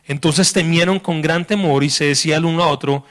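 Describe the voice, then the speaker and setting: A man's voice: fairly high pitch, a little fast. A man preaching a sermon in a church, talking in a colloquial way and acting out the stories he tells. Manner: colloquial, animated storytelling with acted quotes.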